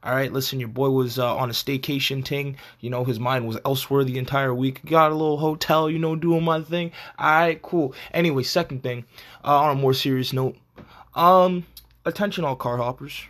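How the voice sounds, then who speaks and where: A man's voice: mid-range voice, moderate pace. Blunt, slangy man ranting casually. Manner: profane, blunt, animated street-slang delivery. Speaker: podcast host.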